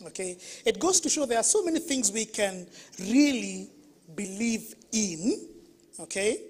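A woman pastor with a Kenyan accent preaches from the front of a church. She mixes stories with questions to the congregation and keeps her delivery lively. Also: medium pitch, a little slow, husky. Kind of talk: sermon.

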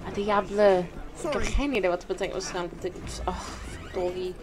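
A woman commentating a video game, excitable and reacting loudly to what happens. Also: mid-range voice, brisk. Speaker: gamer. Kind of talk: let's play commentary. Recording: game music behind the voice.

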